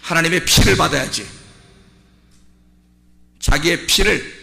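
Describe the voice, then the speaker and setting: A man preaching a sermon as pastor, shifting between quiet, conversational asides and shouted exhortation. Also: fairly high pitch, unhurried, creaky, very noisy. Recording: church hall reverb.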